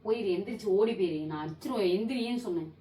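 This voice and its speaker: A woman's voice: mid-range voice, rapid-fire, dark tone, distant mic. A sleepy young woman at home at night, scolding her partner again and again in a heated, repetitive argument, sounding worn out and annoyed. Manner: scolding, repeats demands, drained and annoyed. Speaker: vlogger in a couple prank video. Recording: echoey room, voice off-mic, faint hiss.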